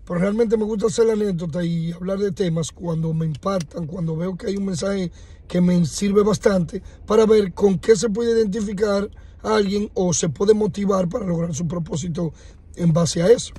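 A man casually telling a motivational fable, animated, acting out sounds and dialogue. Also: high-pitched, normal speed, husky. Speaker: motivational storyteller.

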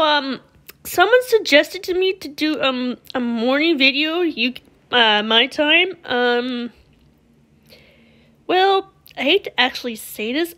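Girl rambling over her game, high pitched and kinda sharp sounding. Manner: rambling, chatty, self-interrupting. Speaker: gameplay video host. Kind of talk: casual gameplay commentary.

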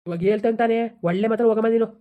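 A woman's voice: a little high, fairly even intonation, very fast, narrow, tinny audio, close to an everyday voice. A woman playing a rude young male debtor who mocks the woman he owes money in a village drama. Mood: insolent. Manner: mocking, dismissive.

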